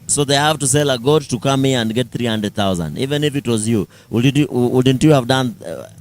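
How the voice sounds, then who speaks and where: Male sports co-commentator, Kenyan accent, medium pitch, explanatory coach talking conversationally. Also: expressive, brisk.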